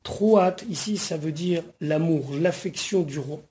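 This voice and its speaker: Warm-voiced man teaching Torah verses. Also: fairly high pitch, a little slow. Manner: reads Hebrew phrases, then translates and explains them in French; patient, explanatory, dwells on grammar points. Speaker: rabbi teaching the weekly Torah portion. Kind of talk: verse-by-verse Torah study lesson.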